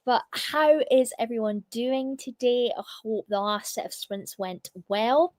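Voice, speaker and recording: A young woman hosting a casual livestream, chatty and full of fillers, her voice still a little croaky from a cough. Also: fairly high pitch, measured pace, a little mellow, dry recording. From United Kingdom. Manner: chatty, reads chat comments aloud, many fillers. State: slightly croaky from a lingering cough. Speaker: livestream host.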